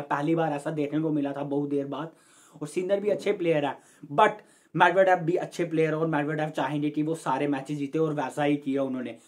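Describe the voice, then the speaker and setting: Talking straight to the camera from home, a young sports-channel host breaks down a match in a relaxed, chatty way, addressing viewers as friends and moving his hands as he explains. He has a somewhat high, darkish-toned voice.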